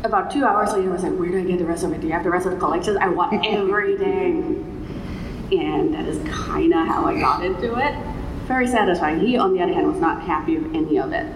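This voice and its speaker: Low-voiced woman in an echoey hall. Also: fast. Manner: casual and animated. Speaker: panelist, writer. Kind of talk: panel discussion answer. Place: hotel meeting room with audience. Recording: echoey hall, background noise.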